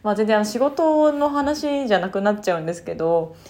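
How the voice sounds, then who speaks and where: Brief: young woman with a mid-height voice, animated storyteller who mimics sounds. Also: medium pitch, fairly quick. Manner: animated, sound-effect-laden retelling. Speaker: solo radio talker. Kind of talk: casual storytelling monologue.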